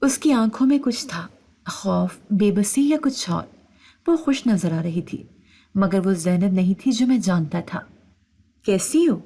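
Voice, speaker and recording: Woman storyteller, mellow warm voice, measured, suspenseful, scripted narration. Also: medium pitch, expressive.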